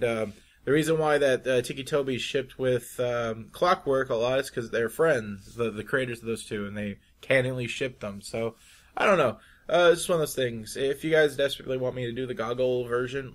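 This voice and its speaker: A young man at a middle pitch talks casually over his drawing session. He rambles from one thought to the next and often stumbles and restarts his sentences. It sounds like a relaxed, chatty commentary. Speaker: YouTube artist.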